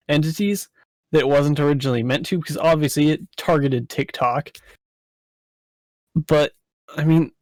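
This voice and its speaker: A man's voice: a little high, dry recording. A man co-hosting a podcast, talking casually in a thoughtful, rambling way with many fillers. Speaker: podcast co-host.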